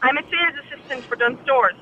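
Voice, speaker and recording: A woman's voice: high-pitched, fast talker, bright, forceful tone, muffled recording. An Irish woman calling in by phone from a parked car, her voice coming through a windy, tunnel-like line as she gives short, upbeat answers. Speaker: phone-in caller. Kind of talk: casual chat on air.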